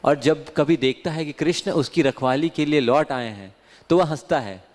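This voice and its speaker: A man's voice: on the high side, moderate pace, a little mellow. Man reading formally in a hall. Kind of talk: reading a scripture commentary aloud. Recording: reverberant hall.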